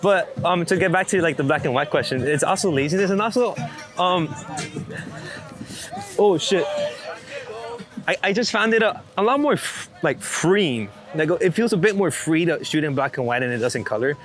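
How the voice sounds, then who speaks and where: Speaking at normal speed, a man with a voice on the high side sounds expressive. He's a street photographer in an interview, chatting casually and rambling laid-back about his photography while swearing freely.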